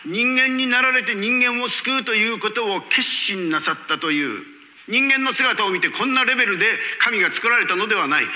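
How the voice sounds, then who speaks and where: A male pastor delivers a sermon with a sharp, bright and fairly high voice. He preaches emphatically, swinging from loud peaks to quiet asides. His voice hangs in the long reverb of a church hall.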